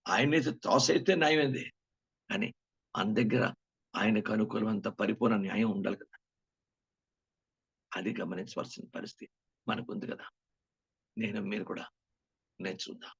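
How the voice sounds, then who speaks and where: A man with a low, rough, husky voice delivers a sermon as a pastor. His preaching climbs in forceful bursts and falls back to a near-whisper of prayer. The recording sounds muffled and lo-fi. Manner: preaching in rising bursts, then dropping to a hushed prayer.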